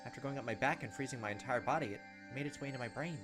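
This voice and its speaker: In rapid-fire style, a mid-range-voiced let's play host reads visual novel narration from his desk in a webcam gameplay video, pausing the story for blunt, informal reactions. Game music and insect sounds make up the backdrop.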